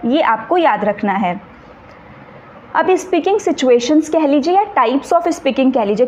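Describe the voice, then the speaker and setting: A woman's voice: high-pitched, a little mellow, a little hiss or hum. A woman teacher gives an exam-prep lecture. She explains step by step and often checks whether her students follow. The recording is a little dull, with faint room ambience behind her.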